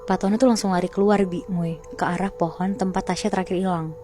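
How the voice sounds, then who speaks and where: Low mellow woman telling a spooky tale. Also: fairly even intonation, quick pace, soft background music. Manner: chatty, slangy, keeps addressing her listener. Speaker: horror story narrator. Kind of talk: casual storytelling to a friend.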